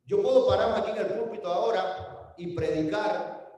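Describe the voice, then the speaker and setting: A man's voice: high-pitched, moderate pace, darkish tone. A man with a Mexican accent preaching a sermon as pastor, chatty and often asking the congregation questions. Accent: Mexican Spanish. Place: church sanctuary. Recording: very echoey hall from far off.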